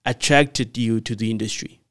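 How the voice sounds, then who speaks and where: A man from Quebec hosting a podcast, asking questions in a halting way with many restarts. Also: lowish voice, fairly even intonation, fairly bright tone. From Quebec, Canada. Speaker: podcast host, interviewer. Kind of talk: casual interview questions.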